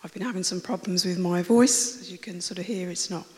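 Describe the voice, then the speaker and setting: A woman with a raspy, croaky voice that always sounds like she has a cold, chattily telling her testimony to a church congregation, rambling with fillers and restarts. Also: fairly low pitch, a little fast, darkish tone. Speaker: church member giving a testimony. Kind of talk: personal testimony told to a congregation. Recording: long reverb of a large hall.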